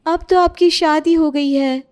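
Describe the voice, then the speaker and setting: A woman's voice: high voice, fairly even intonation, a little slow, darkish tone, voice pushed up. A woman voicing a teasing, sarcastic elder sister-in-law in a cartoon story. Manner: mocking, sarcastic.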